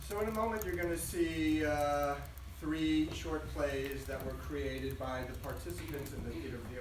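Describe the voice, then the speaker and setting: Man addressing a theater audience from afar. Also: medium pitch. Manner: loose, chatty, self-correcting. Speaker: event facilitator. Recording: roomy, distant, noisy hall audio.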